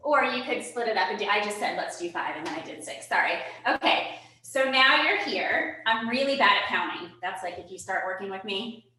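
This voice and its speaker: A bright-voiced woman coaching a virtual fitness class from a room at home, talking upbeat and chatty and a little out of breath. The room rings with a lot of echo. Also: mid-range voice, fairly quick, slight background noise. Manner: upbeat, chatty, checks in with "okay?". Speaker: fitness instructor. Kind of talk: live virtual fitness talk and demo. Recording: very echoey room.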